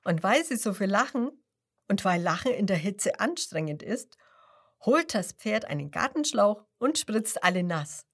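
Woman, children's storyteller, slow, melodic, asks the listener questions, whispers for secrets. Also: mid-range voice, sing-song.

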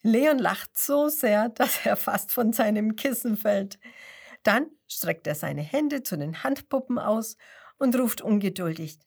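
A woman reading a children's storybook aloud, expressive and unhurried. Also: mid-range voice, vocal fry, breathy edge. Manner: slow, melodic and expressive.

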